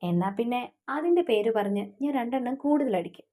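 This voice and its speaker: A woman's voice: on the high side, expressive, brisk, warm tone. A woman voicing an earnest young man, engaged and devoted to his fiancée, who speaks in a pleading way.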